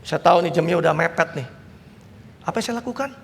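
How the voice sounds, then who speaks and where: A man's voice: on the high side, quick pace, vocal fry. A man preaching a sermon as pastor, telling family stories and acting out the voices of his children and parents. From Indonesia. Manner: animated storytelling, acting out family dialogue. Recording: reverberant church hall with faint noise.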